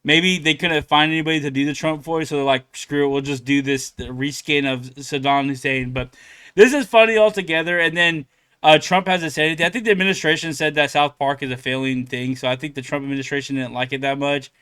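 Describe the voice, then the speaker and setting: Young male commentator, loose and filler-heavy, bright and smooth, slightly high. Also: fairly even intonation, fairly quick. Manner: rambling, filler-heavy, laughs often. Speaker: reaction channel host. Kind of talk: casual commentary.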